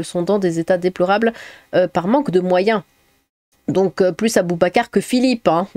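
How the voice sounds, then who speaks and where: Woman, streamer, reads chat aloud, offhand asides, mid-pitched, dry close sound. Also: darkish tone, no room sound. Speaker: streamer reading viewer comments. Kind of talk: casual live-stream commentary.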